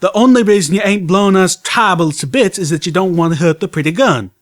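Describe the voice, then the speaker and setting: A man voicing a rough, trigger-happy male pony gunslinger who talks muffled through clenched teeth. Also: fairly high pitch, unhurried, voice pushed up. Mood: defiant.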